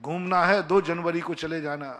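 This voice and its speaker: Fairly high-voiced monk preaching. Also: male voice, steady tone, normal speed, fairly bright tone. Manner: pleading, repetitive exhortation with dialogue-like anecdotes. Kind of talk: sermon.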